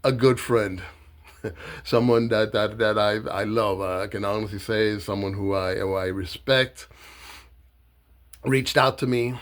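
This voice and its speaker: A man from Miami giving a blunt, mocking, swear-heavy political rant to camera, loose and halting with fillers when he explains himself. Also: on the low side, fairly even intonation. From Miami, Florida. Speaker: political satire vlogger. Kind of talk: profane political rant and monologue.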